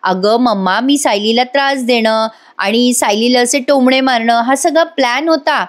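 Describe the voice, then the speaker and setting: A woman's voice: fairly high pitch, moderate pace, close to an everyday voice. A woman voicing a playful young sister-in-law who teases and then apologizes.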